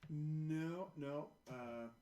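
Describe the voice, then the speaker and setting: A man's voice: a little high, very slow, dark tone. A man playing a tabletop game, chatting casually with brief questions and quips. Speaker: player.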